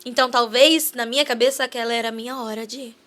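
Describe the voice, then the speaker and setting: A woman with a Brazilian Portuguese accent speaks quickly in a slightly high, steady voice with a bright, forceful tone. She's a guest on a podcast, earnestly sharing a personal testimony in a casual interview and acting out dialogue she remembers.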